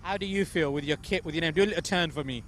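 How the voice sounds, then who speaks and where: A high-pitched man with a bright, forceful voice interviews players pitchside at a night cricket match. He talks effusively and keeps directing the players and the camera. Faint outdoor traffic noise sits behind him. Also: very fast.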